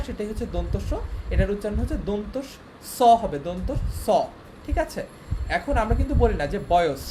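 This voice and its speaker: A man's voice: sits high, darkish tone. Young man, teacher, online lecture, step-by-step explanations, noisy recording with clicks. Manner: explains step by step, often checking with listeners.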